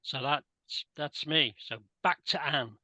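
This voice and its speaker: Bright, hesitant older man presenting a webinar. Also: a little high, slow, no room sound, low-quality recording. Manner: hesitant, many uh fillers, wry. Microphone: video call.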